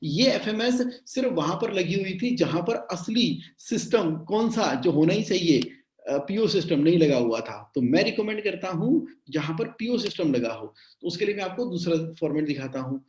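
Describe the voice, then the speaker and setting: Man, business coach, live online session, high voice, animated, repeats himself, roomy echo. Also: normal speed, a little hiss or hum. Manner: animated, repeats phrases, mixes English into speech. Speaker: cash flow coach.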